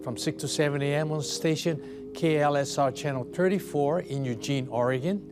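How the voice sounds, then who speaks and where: A man reading scripted church announcements in a steady manner. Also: a little high, normal speed, background noise. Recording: music behind voice.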